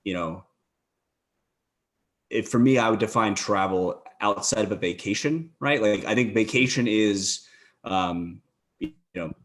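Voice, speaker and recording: As a podcast guest, this American man talks casually and thoughtfully, often pausing and often saying "you know." His voice is on the low side and he keeps a measured pace.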